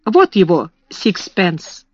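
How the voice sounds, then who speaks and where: A woman's voice: on the low side, very animated, slow pace, darkish tone, husky, dry recording, heavily acted. A woman voicing a proud hungry young girl. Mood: wry. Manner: restrained, then bitter. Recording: dull, slightly muffled recording.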